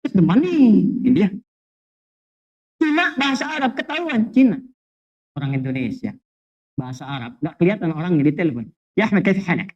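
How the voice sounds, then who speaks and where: A man preaching a lively sermon to a congregation, telling humorous stories, asking rhetorical questions, and weaving in Arabic phrases. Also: high voice, moderate pace, pauses often. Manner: animated storytelling with jokes and rhetorical questions. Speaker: Islamic preacher. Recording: dull lo-fi sound.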